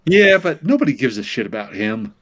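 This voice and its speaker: A man's voice: medium pitch, very animated, a little fast, fairly bright tone. A man co-hosting a comedy podcast, chatting casually, stammering and repeating words with some swearing. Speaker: podcast co-host.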